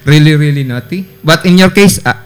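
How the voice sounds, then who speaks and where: A man's voice: fairly high pitch, brisk, clean tone. A man with a Filipino accent, a teacher answering questions in a casual school radio interview, playful and joking, often restarting his sentences.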